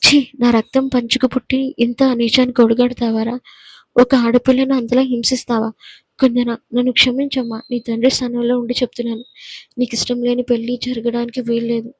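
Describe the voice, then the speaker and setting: A stern older patriarch roars his rebuke, as a woman reading a storybook puts him on. The voice sits fairly high and moves little in pitch, with a husky edge. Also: little pitch movement, brisk, dry recording, rough recording. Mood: outraged. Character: older man, stern family patriarch, outraged.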